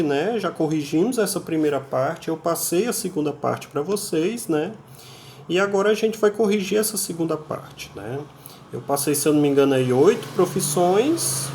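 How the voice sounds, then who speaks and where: A man's voice: a little high, darkish tone, slight background noise. A man with a Brazilian Portuguese accent teaching an English class, explaining patiently and repeating words over and over to drill pronunciation, often ending phrases with a checking tag. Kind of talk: recorded online English class.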